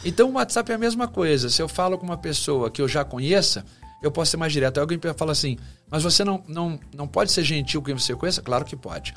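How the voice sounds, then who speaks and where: A man's voice: fairly high pitch, animated, quick pace, a bit bright. A man from Brazil, a communication professor, explaining points in a podcast interview and acting out short example phrases.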